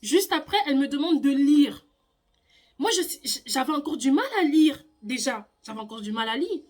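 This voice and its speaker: A young woman vlogger telling a personal story in a casual, animated way, sometimes stammering. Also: high-pitched, normal speed.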